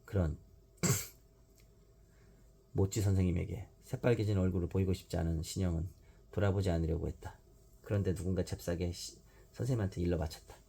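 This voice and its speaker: A father reading a children's storybook aloud at bedtime, in a steady narrating voice. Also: deep voice, moderate pace, creaky, pauses often, slightly rough.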